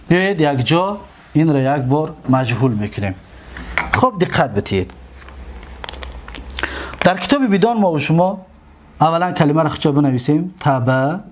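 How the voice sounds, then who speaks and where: A man with a fairly high voice teaches a class. He recites drill lists in a chanting rhythm, repeats key points and puts questions to the class. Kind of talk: lecture on Arabic verb forms.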